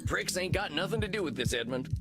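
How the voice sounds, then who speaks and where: Game vampire therapist: plain-spoken cowboy, earnest, fairly high and very animated. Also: male voice, fast talker. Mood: uneasy. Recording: music behind the voice.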